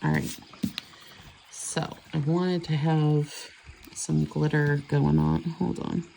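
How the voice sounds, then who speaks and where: A woman's voice: low-pitched, fairly even intonation, slow, gravelly, mellow, slight background noise. A woman chatting casually and rambling as she does her nails. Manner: chatty, rambling, self-correcting. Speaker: nail vlogger. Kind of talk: casual chat while doing nails.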